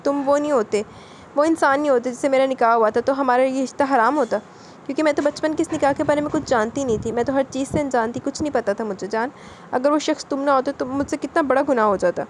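A woman's voice: sits high, fast talker, a little hiss or hum, close to an everyday voice. A woman voicing a tearful young bride who feels guilty and pleads through her tears in an audio novel. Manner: anguished, pleading.

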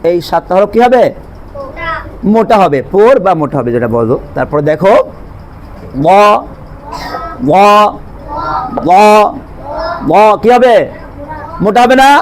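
A woman's voice: medium pitch, sing-song, fairly quick, pauses often, a little mellow, slight background noise. A woman teaching Quran pronunciation, patiently repeating each letter sound and quizzing her students with questions.

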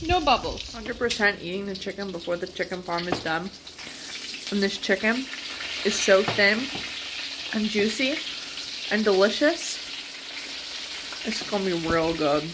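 A woman's voice: mid-range voice, unhurried, pauses often. A young woman hosting a home vlog, chatty and teasing in casual talk. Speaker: vlog host. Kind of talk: casual chat. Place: home kitchen, indoors. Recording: noisy home kitchen.

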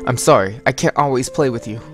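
A man's voice: mid-range voice, quick pace, music in the background, lightly acted. Man voicing a kindly game father. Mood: tender. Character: gentle loving father in a game. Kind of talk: reading game dialogue aloud.

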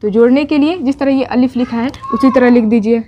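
A woman's voice: fairly high pitch, fairly quick, muffled recording, slight background noise. A young woman, teaching an online language lesson, patiently repeating each step and asking rhetorical questions. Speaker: Urdu teacher.

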